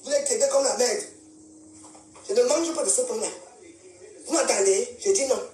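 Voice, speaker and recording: This angry live-stream rant comes from a Cameroonian social media streamer who is defiant, confrontational and repetitive. Her slightly high, mellow voice keeps a moderate pace; the mic is distant and off to the side, with room echo, faint music and slight background noise.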